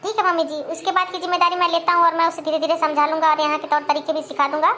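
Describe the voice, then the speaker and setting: A woman voicing a gentle, patient young husband and son in a cartoon, speaking softly and pleading. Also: monotone, racing. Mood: earnest. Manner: soft, low, pleading. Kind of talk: cartoon voice acting.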